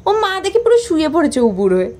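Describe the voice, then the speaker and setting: A woman's voice: high voice, sing-song, quick pace, darkish tone. Chatty young woman narrating her vlog. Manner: chatty, playful, self-mocking, with many fillers. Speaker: vlogger. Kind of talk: casual voice-over narration of a vlog.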